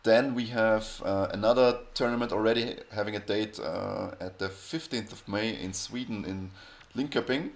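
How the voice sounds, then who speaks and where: Rambling low-voiced podcast host, man. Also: normal speed, gravelly, few pauses. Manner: rambling, frequent restarts and self-corrections. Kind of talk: casual podcast chat.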